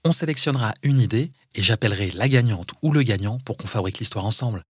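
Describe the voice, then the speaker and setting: A man's voice: lowish voice, expressive, quick pace, a bit bright, slightly rough, no echo, clean studio sound. A man hosting a children's story show, speaking directly to young listeners from a script.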